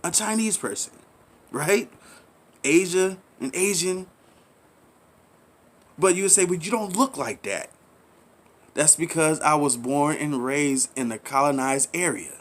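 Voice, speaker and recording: A commentary channel host delivers an impassioned, rambling monologue, preaching, repeating himself, posing rhetorical questions and urging listeners in casual slang. His voice is fairly high and animated, a little slow, with frequent pauses.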